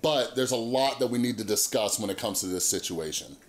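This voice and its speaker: A man's voice: medium pitch, fairly quick, over loud music. Emphatic man in casual YouTube commentary. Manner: earnest, emphatic, seeks agreement with frequent rhetorical tags. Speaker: YouTube channel host. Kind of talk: casual opinion commentary to camera. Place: small indoor room with monitors.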